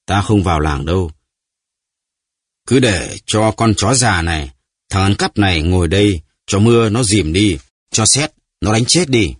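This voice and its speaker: A man voicing a hoarse, gasping old grandfather in an audiobook story, pleading and reproaching himself. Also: low voice, expressive, normal speed, no room sound, clean studio sound. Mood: bitter. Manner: pleading, shouting, self-reproaching. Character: old grandfather, hoarse, bitter and guilt-ridden. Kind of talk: audiobook character voice.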